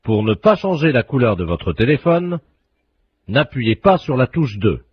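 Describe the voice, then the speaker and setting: A deadpan phone-menu operator, played by a man, reels off silly options in a flat, official cadence. His voice is very husky and lively in pitch. It sounds dull and muffled. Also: measured pace, no echo, exaggerated voice. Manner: stiff recorded-menu delivery. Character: male phone-company automated operator, absurd.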